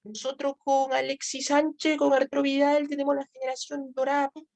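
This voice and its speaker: A woman voicing a boastful Chilean football fan with an imitated Chilean accent, bragging in a high, quick voice. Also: level tone, gravelly, darkish tone. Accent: Chilean Spanish, imitated.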